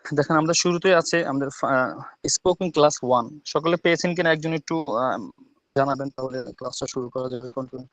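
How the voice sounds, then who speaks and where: A man's voice: mid-range voice, a bit bright, dry recording, poor audio. A man teaching an online English class from a village home over his phone, often checking with "ঠিক আছে?". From Bangladesh. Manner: quick, repeats "ঠিক আছে?" to check students.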